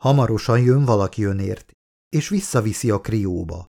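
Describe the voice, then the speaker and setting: A man reading a coolly polite male android who speaks in a soft, even murmur. He is clinical and unhurried, with a lowish voice. It sounds like an audiobook reading. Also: gravelly. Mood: soothing.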